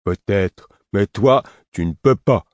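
A man's voice: on the low side, slow pace, darkish tone, no room sound. A man voicing a small, simple-minded man who is childish, sulky and defiant, in an audiobook. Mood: stubborn defiance.

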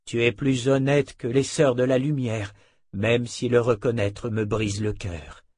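A man voicing an older woman, a calm and measured captive abbess, in an audiobook, in a soft and low manner. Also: no room sound, studio quality, lightly acted. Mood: wry. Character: older captive abbess, gentle yet firm.

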